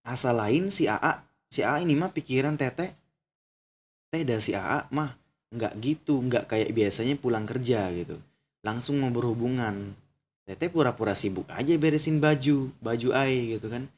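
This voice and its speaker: A man's voice: mid-range voice, normal speed. A young man narrating a horror story in a casual way, breaking off for chatty asides and crude exclamations.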